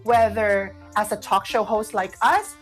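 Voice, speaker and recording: A woman with a Filipino accent co-hosts a chatty radio talk show, speaking at a measured pace in a mid-range voice, repeating phrases and mixing Tagalog into her English. The discussion includes some read-out tips, and the rough recording carries faint music.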